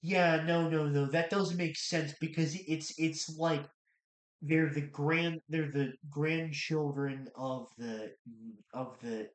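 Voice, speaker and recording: A man's voice: a little high, fairly even intonation, slow. A young man co-hosting a casual gaming chat, stammering and repeating words as he steers the talk. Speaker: podcast co-host. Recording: echoey room.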